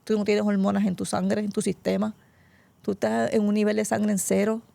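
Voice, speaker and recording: A middle-aged woman tells her life testimony as a guest, heartfelt and close to tears. Her voice is deeply gravelly and mellow. The recording is dry and close. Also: level tone, normal speed, no room sound. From Puerto Rico. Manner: tearful, heartfelt storytelling, often addressing the host by name. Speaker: pastor, interview guest. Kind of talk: emotional personal testimony.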